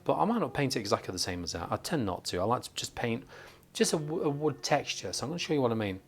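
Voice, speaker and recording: A man from northern England giving a live watercolour tutorial, chatting and joking as he thinks aloud while painting at a desk under studio lights. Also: medium pitch.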